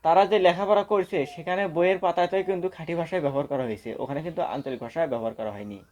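A man's voice: a little high, very fast, a little mellow. A man giving a formal debate speech in a lecturing, point-by-point manner. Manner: formal, lecturing, counts off figures.

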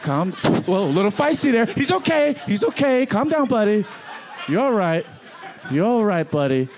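Young guy doing standup at a club, high voice that jumps all over, handheld mic, bit of noise behind. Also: moderate pace. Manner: loud, animated, swearing, crowd laughter. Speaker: stand-up comedian. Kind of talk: stand-up set. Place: comedy club stage.

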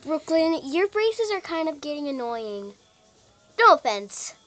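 A woman voicing a bossy, teasing girl in a toy skit, blunt and quick to complain. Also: sits high, very animated, fairly bright tone, faint music behind, full character voice. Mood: annoyed. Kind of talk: toy skit role-play.

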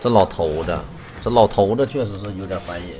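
A man's voice: low voice, fairly quick, music in the background. A man giving live commentary on his own game, cursing and joking wryly as he plays. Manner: animated, cursing, wry running commentary. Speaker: game streamer.

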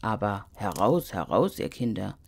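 A woman voicing a jolly, kindly snowman come to life in a fairy tale, speaking low and friendly. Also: very animated, a little slow, gravelly, a little mellow, breathy edge, heavily acted.

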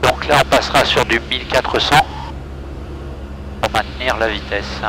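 A man's voice: medium pitch, normal speed. A male pilot talking through terse checks in a small aircraft cockpit. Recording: cockpit audio, loud engine noise. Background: aircraft engine noise.

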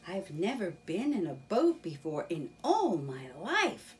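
A woman voicing a timid, wide-eyed young male mole in a children's storybook reading, with a high squealing character voice. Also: huge pitch swings, slow pace, recorded from a distance, slight background noise, full character voice. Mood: wide-eyed, eager.

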